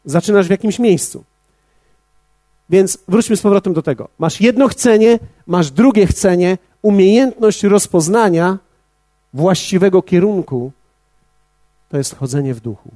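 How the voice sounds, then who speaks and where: A man preaching a sermon as pastor, measured and speaking directly to his congregation. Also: sits high, dark tone, no room sound.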